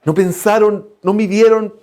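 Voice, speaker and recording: A male preacher, delivering an impassioned sermon that swings from loud cries to hushed lines and calls the listeners brothers. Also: fairly even intonation, a little slow. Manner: impassioned, shifting between loud outbursts and low hushed lines; addresses the congregation as brothers.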